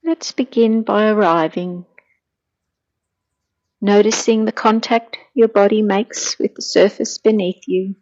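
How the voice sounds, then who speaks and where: On a slightly dull, muffled recording, a middle-aged woman leads a meditation at a very slow, gentle pace. Her mid-range voice holds a steady, soft, mellow tone, soothing and hushed and occasionally breathy.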